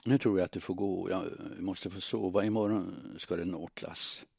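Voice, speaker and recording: A man's voice: low voice, fairly even intonation, gravelly, slightly rough, dry recording, exaggerated voice. A man reading a desperate young woman. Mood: resigned. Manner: softly whispered pleading.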